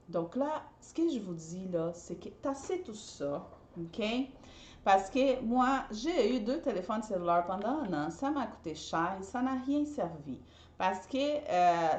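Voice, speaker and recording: Chatty woman in an echoey room. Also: mid-range voice. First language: not French. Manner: chatty, repeats herself, addresses viewers directly. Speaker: party decorator and business coach. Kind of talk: casual advice talk to viewers.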